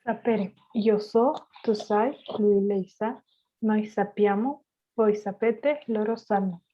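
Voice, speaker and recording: A woman student on a video call, reading conjugations aloud slowly and carefully. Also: mid-range voice, warm tone. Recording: dull video-call audio.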